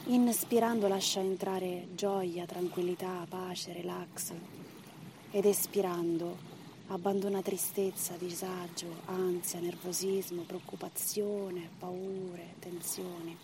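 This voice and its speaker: A woman leading a guided breathing meditation as instructor, in short measured phrases and counts with pauses between them. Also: on the low side, level tone, noisy background.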